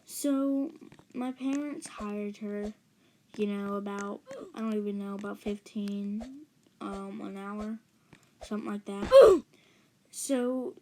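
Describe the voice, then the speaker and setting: A woman's voice: medium pitch, takes it slowly, long pauses, mellow, a little hiss or hum, poor audio. A woman casually telling a personal story while playing a game, rambling and chatty, with gasps for effect. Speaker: gaming channel storyteller. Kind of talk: casual story narration over gameplay.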